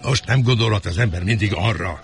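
A man playing a gruff coworker who dismisses his friend's worries. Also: on the low side, a little hiss or hum, natural voice.

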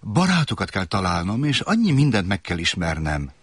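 A man's voice: low voice, sing-song, slightly rough, no echo, full character voice. A man voicing a young, earnest, curious little prince in a storybook reading, polite and eager in his questions.

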